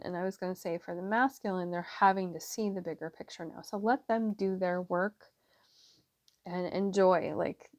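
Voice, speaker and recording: A woman's voice: fairly low pitch, a little mellow, no echo. Chatty woman giving a tarot reading. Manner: chatty, rambling, many fillers. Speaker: tarot reader. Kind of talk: casual tarot reading monologue.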